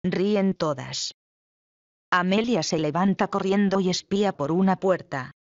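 A reader announcing character names and stage directions in a play reading, in a slow, measured way. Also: medium pitch, no echo. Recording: dull, lo-fi, dry.

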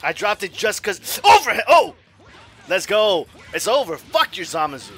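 A man giving live commentary on his own fighting game match, excitable, swearing and trash-talking. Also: high-pitched, moderate pace, slightly rough, soft background music. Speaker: gaming streamer.

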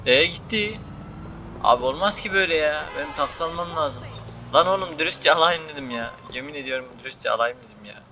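A young man giving loud, joking commentary while playing a game, swearing and shouting at the characters on screen. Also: fairly high pitch, brisk, noisy background. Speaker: gaming YouTuber. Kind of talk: casual gameplay commentary.

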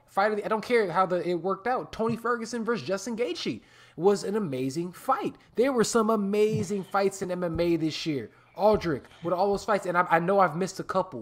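Excitable, foul-mouthed podcast host. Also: male voice, high-pitched, moderate pace. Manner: profane, excitable, laughs often. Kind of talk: casual roundtable chat. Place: home podcast setup.

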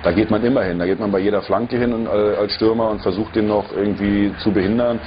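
Male ex-footballer, casual interview storyteller, rapid speech, slightly dull TV sound. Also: on the low side, steady tone, a little hiss or hum. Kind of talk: casual anecdotal interview talk. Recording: dull broadcast audio, music behind. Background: music.

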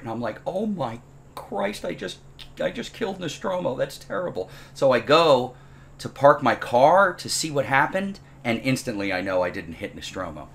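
Before getting into the lesson, a programming instructor at his home dining table spins a funny, overblown tale at his own expense. His voice runs on the low side, and a faint hiss or hum can be heard.

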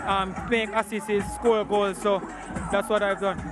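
A man's voice: high voice, flat delivery, unhurried. A young man, a footballer, answering post-match questions outdoors at a stadium into a handheld mic, modest and hesitant. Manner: modest, hesitant, repeats himself. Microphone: handheld interview mic. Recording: outdoor interview with crowd and music.

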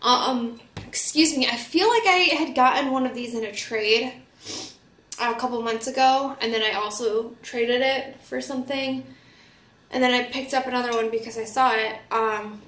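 A woman's voice: on the high side, moderate pace, fairly bright tone, echoey room. Chatty woman getting over a cold. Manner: chatty, lots of fillers. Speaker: vlogger. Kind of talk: casual haul vlog. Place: home studio.

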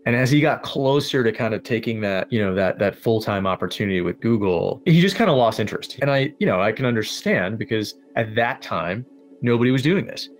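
A man's voice: lowish voice, animated, fairly quick, soft background music. A man in his thirties answering interview questions conversationally, often saying "you know". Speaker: interview guest.

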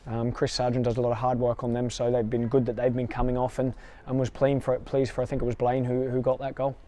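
Here the coach, a man in his thirties, sounds dark and completely flat as he takes post-match questions outdoors near the pitch. He talks quickly in a measured way, restarting in small bits.

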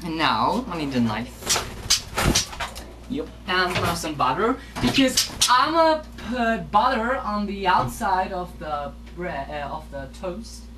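Making lunch in her small kitchen at home, a young woman rambles and talks to her pet bird in a casual cooking vlog. Her voice is lowish, expressive and slow, and the handheld camera's audio is noisy.

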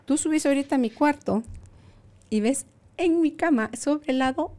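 A woman in her sixties speaking with a fairly high voice. She hosts a relaxed conversation and tells her stories in a lively, playful way. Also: normal speed. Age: 60s. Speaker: podcast host. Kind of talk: casual conversation.

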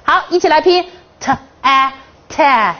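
A woman teacher with a high voice runs a phonics lesson, drilling her class through counted chants and teasing questions. She speaks at an unhurried pace. The classroom recording sounds dull and lo-fi. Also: lively intonation, sharp tone. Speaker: English teacher.

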